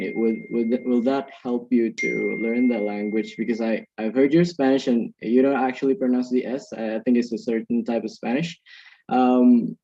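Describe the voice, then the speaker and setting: Male questioner, warm dark tone, dull dry video-call sound. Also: mid-range voice, no echo. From Indonesia. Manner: halting, searching for words. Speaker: audience questioner.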